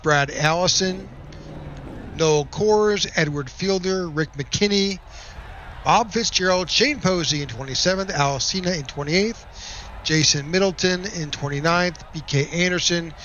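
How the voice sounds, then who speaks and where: A man calling a race broadcast in a high, bright and forceful voice. He keeps an upbeat announcer's tone and reads out the finishing order in a steady list. A faint hiss sits under his voice. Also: highs cut off. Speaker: play-by-play announcer.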